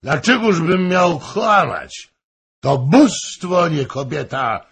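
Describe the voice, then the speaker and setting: A man voicing a drunk, boastful male courtier who gushes loudly. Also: a little high, lively intonation, takes it slowly, creaky, slightly rough, pitched above the performer's own voice, exaggerated voice. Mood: rapturous. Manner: exclaiming, gushing.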